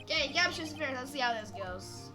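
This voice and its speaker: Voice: high-pitched, animated, normal speed, pushed and bright, soft background music. A gamer making joking, chatty asides while playing through a story game. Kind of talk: casual let's play commentary.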